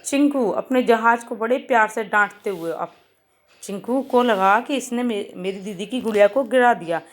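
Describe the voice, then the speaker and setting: A woman's voice: fairly high pitch, normal speed. A woman teacher telling and explaining a children's story to her pupils, repeating each part in simpler words. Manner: retells each line twice, explaining.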